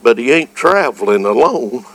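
A man with a Southern US accent preaching a fervent evangelical revival sermon, folksy and exclamatory, moving between quiet storytelling and shouting. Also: mid-range voice, big pitch swings, moderate pace, poor audio.

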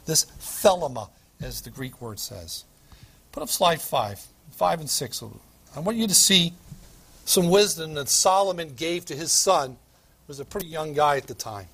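A man preaching a sermon as pastor, emphatic, with dramatic pauses and repetition. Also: a little high, expressive, a bit bright, husky.

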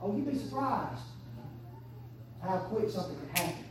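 A woman, preaching an impassioned sermon that swings between hushed and shouted. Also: medium pitch, lively intonation, normal speed, noisy background. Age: 30s. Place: church sanctuary. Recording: echoey church from far off.

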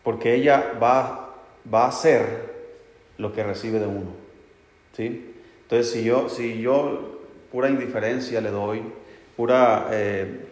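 A man gives a sermon in an easy, talking-to-you way, keeping his questions and asides going with the congregation. His mid-pitched voice rings out through a large room with a long, roomy reverb. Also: fairly even intonation, takes it slowly, pauses often. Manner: plain, talks straight to the men, keeps asking "¿verdad?" and "¿sí?". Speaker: preacher. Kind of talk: conversational sermon. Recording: echoey hall reverb.

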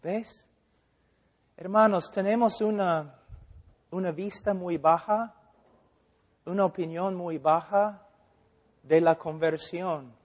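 Male preacher with a high voice, lively sermon acting out little scenes, in a church hall. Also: slow, pauses often. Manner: animated, acts out dialogues and rhetorical questions. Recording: long hall reverb.

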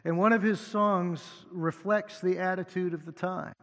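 A male associate pastor preaching a sermon at a pulpit microphone in a church sanctuary, unhurried and halting with many fillers, joking gently now and then. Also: high-pitched, steady tone. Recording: long hall reverb.

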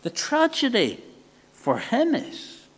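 A man with a notably high voice preaching an evangelistic sermon, his words ringing out with a long church-hall reverb. He speaks earnestly, dropping into quiet, low asides and then rising into loud, pressing appeals to the congregation. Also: huge pitch swings, slow pace, breathy edge.

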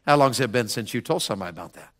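A man preaches from the pulpit with a bright, forceful voice. He swings from hushed lines to near shouting and fires rhetorical questions at his listeners. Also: mid-range voice, lively intonation, racing. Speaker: pastor. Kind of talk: sermon.

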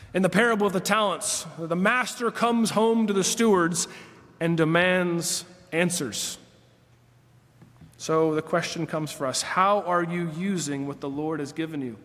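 A man in his late thirties preaching an earnest sermon in a high, bright-pitched voice. He reads scripture aloud and climbs higher on the phrases he wants to land. His words ring out with a long, lingering reverb, as in a large church sanctuary. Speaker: pastor.

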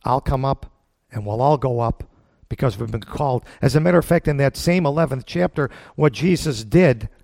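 Man, mid-range voice, sermon delivery, folksy and plain-spoken, emphatic pauses, rhetorical questions, dry recording. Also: mid-range voice, creaky, darkish tone, no room sound. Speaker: preacher. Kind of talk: sermon, expository Bible teaching to a congregation.

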